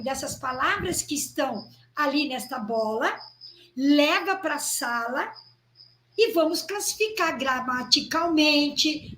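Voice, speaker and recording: A woman's voice: sits high, a bit bright, echoey room, rough recording. A woman teacher giving a lecture on classroom activities, often checking in with her listeners. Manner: addresses the audience as "gente", checks with "né?" and "ok?".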